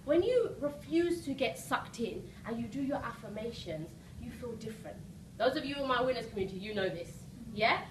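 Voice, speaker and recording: A woman's voice: on the high side, lively intonation, fairly quick. A woman giving a rousing, emphatic motivational seminar talk as a coach, often checking in with short questions. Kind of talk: motivational seminar speech to a live audience. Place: live seminar room with audience. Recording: roomy echo, distant mic, noisy background.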